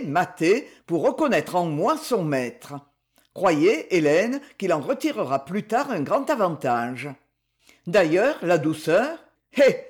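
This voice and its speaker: A woman reading the part of a stern, self-possessed young man who disciplines his cousin, firm and measured. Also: lowish voice, a little mellow. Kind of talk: audiobook novel reading.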